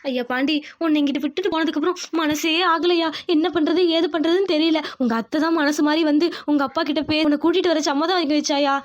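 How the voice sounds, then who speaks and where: A woman's voice: high voice, fairly even intonation, fast, few pauses, close to an everyday voice. A woman voicing a worried, pleading mother in a cartoon. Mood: fretful. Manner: fretful, pleading. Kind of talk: cartoon voice acting.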